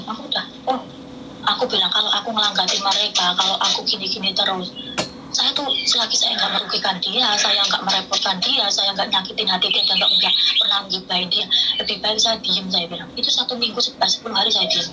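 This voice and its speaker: A woman from East Lampung, Indonesia, who sells on live streams, telling her troubles in an emotional personal chat with a loud, blunt manner. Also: medium pitch, fairly even intonation, fast talker, very noisy. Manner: loud, blunt, speaks hotly like arguing.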